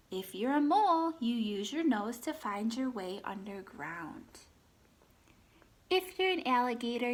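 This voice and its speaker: A woman with a slightly high voice reads a children's picture book aloud with lots of expression. She stops now and then for chatty asides and questions aimed at her young listeners.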